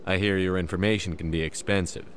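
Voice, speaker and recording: Man as Commander Shepard, brisk deep-voiced soldier. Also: fairly even intonation, slight background noise, lightly acted. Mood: blunt. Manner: blunt, assured, matter-of-fact. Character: confident, direct male military commander, game hero. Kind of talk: video game character dialogue.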